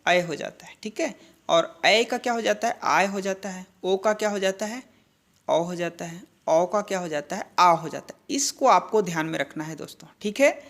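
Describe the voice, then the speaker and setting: Patient woman teaching grammar step by step. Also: on the low side. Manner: asks and answers her own questions, frequent "theek hai" and "hai na" check-ins; slow, deliberate spelling-out of sounds. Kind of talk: classroom-style grammar lesson.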